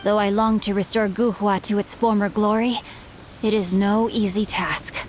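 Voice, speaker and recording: A woman voices a bookish, chivalrous teenage boy swordsman in a video game, speaking formally, eloquently, and earnestly with a composed mood. Her medium-pitched, darkish voice is close to an everyday voice, with fairly even intonation at a moderate pace. There's a little hiss or hum, and game music plays in the background.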